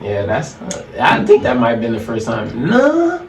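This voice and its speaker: A man's voice: mid-range voice, wildly swooping pitch, vocal fry, reverberant, far from the mic, heavy background noise. A man in his thirties co-hosting a casual podcast, chatty and agreeable. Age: 30s. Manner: chatty, agreeable, quick to laugh along. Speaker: podcast co-host.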